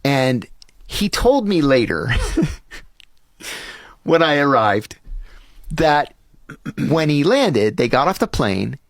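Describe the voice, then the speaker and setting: Male podcast guest, lively swooping delivery, dry close sound. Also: fairly high pitch, drawn-out words, long pauses, dry recording. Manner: animated, acts out each quoted voice. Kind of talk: storytelling anecdote in casual chat.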